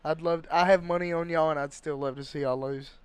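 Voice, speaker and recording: A man co-hosting a casual sports podcast, excitable and rambling as he makes his picks. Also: a little high, smooth, no echo. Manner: excitable, rambling, fast bursts. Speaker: podcast co-host.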